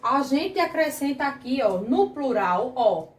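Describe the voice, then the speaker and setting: Brazilian lady teacher, high voice, echoey room, talks to kids patiently, stretches words out. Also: sing-song, a little slow, far from the mic, a little hiss or hum. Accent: Brazilian Portuguese. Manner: patient, asks the class questions, drags out words. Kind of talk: grammar lesson for children.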